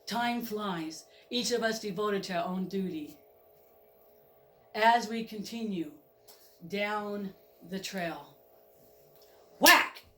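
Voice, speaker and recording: A woman's voice: medium pitch, takes it slowly, long pauses, roomy sound, faint music behind. A woman storyteller narrating a story in the first person with dramatic delivery. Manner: dramatic, with spoken train sound effects.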